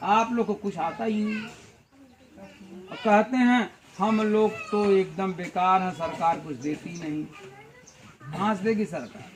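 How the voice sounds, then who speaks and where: A man's voice: high-pitched, a little slow. A man giving an outdoor village meeting speech as a party organizer, full of rhetorical questions and folksy analogies.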